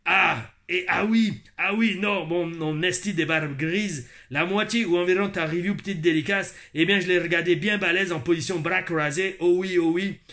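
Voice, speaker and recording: A cheeky, teasing Québécois guy, as a man puts him on, stretching his words in a mocking, playful drawl with a put-on Québécois accent. The voice sits a little high and sounds bright and forceful. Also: normal speed, creaky, few pauses, heavily acted.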